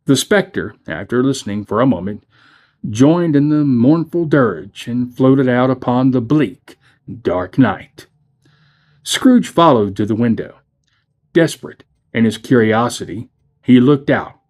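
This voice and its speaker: Brief: adult man, mid-pitched, reads a classic story aloud, measured and dramatic. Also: lively intonation, a little mellow. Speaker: church reader.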